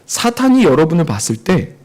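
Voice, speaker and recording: Dramatic Korean missionary preaching a testimony. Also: male voice, a little high, very animated, moderate pace. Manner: dramatic storytelling, acting out voices and shouting at peaks. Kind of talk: sermon testimony. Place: church service.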